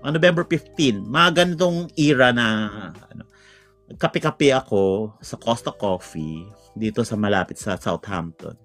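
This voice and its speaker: A man's voice: mid-range voice, a little slow, a bit bright, faint music behind. A man from the Philippines telling a long personal story in casual chat, rambling with many restarts. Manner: rambling, code-switching Tagalog and English, many restarts. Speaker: podcast guest telling a story.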